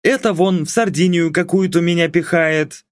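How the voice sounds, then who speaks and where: A man voicing an excitable, nagging middle-aged mother who scolds and argues in a raised, indignant voice. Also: on the high side, normal speed, no room sound, studio quality, pitched above the performer's own voice, natural voice.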